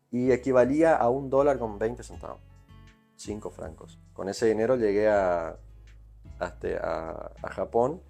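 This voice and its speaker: A man's voice: mid-range voice, darkish tone. A man from Corrientes, Argentina, with an Argentine accent, telling his life story in a casual interview and filling his talk with "¿viste?". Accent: Argentine Spanish, Corrientes. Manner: rambling anecdotes peppered with "¿viste?". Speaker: guest musician.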